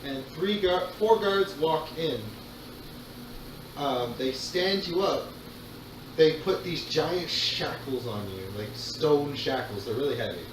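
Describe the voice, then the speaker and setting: A man runs a tabletop game, narrating slowly and informally with halting phrases. His mid-pitched voice sits back from the mic in an echoey room with clear background noise. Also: lively intonation, recorded from a distance. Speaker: game master.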